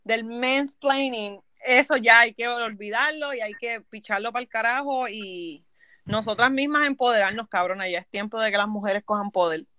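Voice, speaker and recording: A young woman with a Puerto Rican accent, chatting casually with friends, loud and laughing, swearing freely. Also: fairly high pitch, moderate pace, no echo. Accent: Puerto Rican Spanish. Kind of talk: casual chat among friends.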